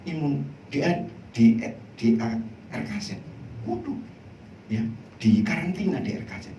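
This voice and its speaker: A male pastor preaching a lively sermon, his voice leaping high for emphasis. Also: takes it slowly. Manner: animated preaching, swoops high in pitch, mixes in Javanese phrases. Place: church hall. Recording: echoey church hall, mic at a distance, faint noise.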